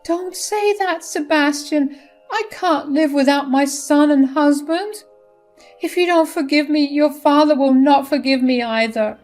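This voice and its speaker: A desperate middle-aged mother-in-law begs in a high, shrill voice, as a woman narrator puts her on. She sounds loud and pleading. Faint music plays under the reading. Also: a little slow.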